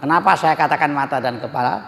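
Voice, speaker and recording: A man teaching a religious study class in a lively, joking way, often turning to address his listeners directly. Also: a little high, quick pace, gravelly, a little hiss or hum. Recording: long hall reverb.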